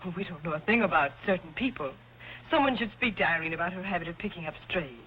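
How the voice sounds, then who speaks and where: An actress playing a snide, condescending young adult daughter, from a dull 1930s film soundtrack with faint hiss. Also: female voice, lowish voice, lively intonation, fast, close to an everyday voice. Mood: catty. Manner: catty and condescending.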